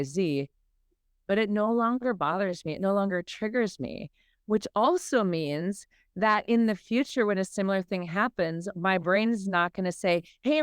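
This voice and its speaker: A woman's voice: medium pitch, clean tone, no room sound, studio quality. A middle-aged woman from Minnesota, a guest on a podcast interview, explaining emotional healing and acting out inner voices. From Minnesota, USA.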